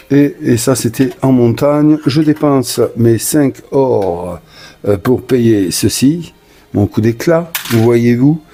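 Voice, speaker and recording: A man's voice: mid-range voice, mellow, husky. A man narrating his own solo board game playthrough in a chatty, enthusiastic way, talking himself through each move and sometimes stumbling and correcting himself. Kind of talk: casual solo game commentary.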